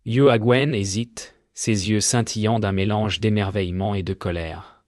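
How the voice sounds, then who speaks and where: A man narrating a fairy tale in a solemn, measured way. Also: on the low side, steady tone, darkish tone, no echo, clean studio sound. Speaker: storyteller.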